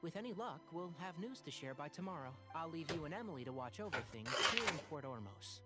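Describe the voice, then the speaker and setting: A woman playing a confident, level-headed investigator in a fantasy video game, brisk and self-assured. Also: deep voice, expressive, loud music behind the voice.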